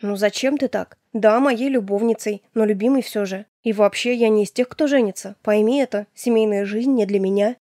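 A woman reading an audiobook, voicing a young nobleman who is a calm, evasive womanizer. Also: mid-range voice, normal speed, few pauses, no echo, clean studio sound, close to an everyday voice. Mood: coaxing. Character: young male nobleman, smooth cold womanizer. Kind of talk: audiobook character voice.

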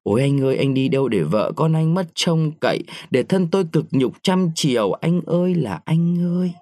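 A man's voice: fairly high pitch, very animated, normal speed, darkish tone, no echo, clean studio sound, voice pushed up. A man voicing a grieving young village widow who wails and begs. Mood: wailing. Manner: wailing and begging.

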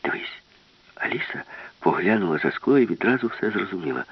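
A man narrating an audiobook with a lively, expressive reading. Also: low-pitched, quick pace, gravelly, no room sound. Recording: dull, lo-fi, dry.

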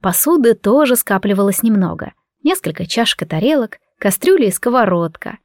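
Audiobook casting: woman narrator, middle pitch, wry and reflective, dry close mic. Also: big pitch swings, fairly quick, no room sound. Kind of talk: first-person audiobook narration.

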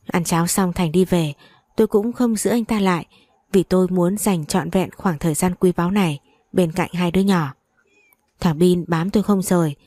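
Warm woman narrating a story. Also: fairly low pitch, no room sound. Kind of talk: first-person audio story narration.

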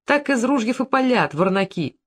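Brief: narrator plays a panicky village shopkeeper man, loud, higher, lively up-and-down voice, audiobook. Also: normal speed. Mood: alarmed. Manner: shouts breathlessly, repeats himself. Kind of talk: audiobook reading.

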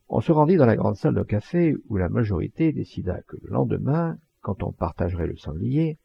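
Expressive male novel reader; gravelly and animated, dry lo-fi sound. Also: lowish voice, no room sound. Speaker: audiobook reader. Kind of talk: scripted narration. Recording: dull lo-fi dry recording.

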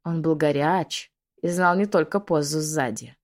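A woman's voice: deep voice, a little slow. Mean sneering witch, as a lady reads her, taunts with a lilt, storybook style. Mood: taunting. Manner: hissing, taunting. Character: spiteful young witch, mocking and vengeful. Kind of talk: audiobook reading.

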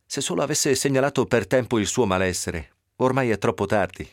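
A man's voice: mid-range voice, fairly quick, no room sound, studio quality, close to an everyday voice. A man voicing a subdued, sighing physician. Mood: dejected. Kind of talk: audiobook reading on radio.

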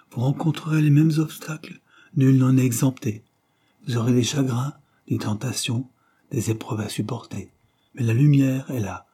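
A man doing a dying father, halting and hushed. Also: medium pitch, breathy edge, voice pushed up, close to an everyday voice. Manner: halting, solemn, sometimes whispered. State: weak and breathless. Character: dying father, gentle and devout.

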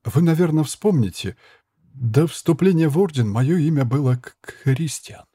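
A man voicing a calm young monk who speaks quietly and gently, with a slight stammer. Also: a little high, a little slow, husky, no room sound, voice pushed up. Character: calm young monk Tomas, soft-spoken.

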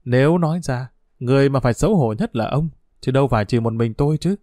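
A man voicing a sly, stubborn village dog thief who taunts and scorns in quick, rough speech. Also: medium pitch, warm tone, no room sound, clean studio sound, lightly acted. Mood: scornful, taunting.

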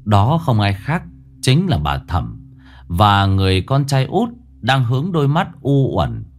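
A man narrating a ghost story in a slow, dramatic way, dropping to a hush at eerie moments. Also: medium pitch. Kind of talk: scripted horror story narration. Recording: narration over faint music.

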